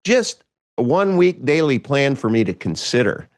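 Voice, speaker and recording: A man from Kansas hosts a relaxed podcast conversation. He rambles, restarts his sentences and chuckles as he goes. His voice is mid-pitched and dry, with no room around it. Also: normal speed, no room sound. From Kansas, United States. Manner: rambling, self-interrupting, chuckles often. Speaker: podcast host. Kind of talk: casual conversation.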